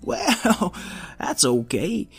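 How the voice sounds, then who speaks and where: Man playing a old rusty robot, folksy, kindly, high-pitched, husky, children's story character, music behind. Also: huge pitch swings, extremely slow, heavily acted. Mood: folksy, consoling. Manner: folksy old-timer phrasing with robot nonsense words.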